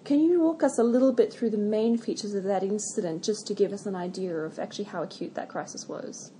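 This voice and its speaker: Female podcast host with a mellow voice, formal, measured delivery of prepared questions. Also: mid-range voice, a little hiss or hum. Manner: measured and formal, with occasional ums.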